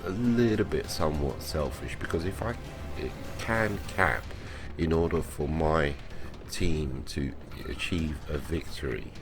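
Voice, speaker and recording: A man's voice: very deep voice, unhurried, over music. A man with a slight cold, sounding worse for wear, giving casual gaming guide commentary and repeating phrases for emphasis. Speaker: gaming video host.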